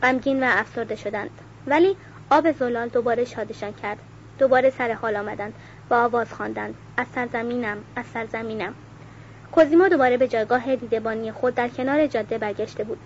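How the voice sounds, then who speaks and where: Woman reading a novel aloud, lo-fi. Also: a little high. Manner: steady, even reading with occasional self-corrections. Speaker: audiobook reader. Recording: dull lo-fi recording with faint hiss.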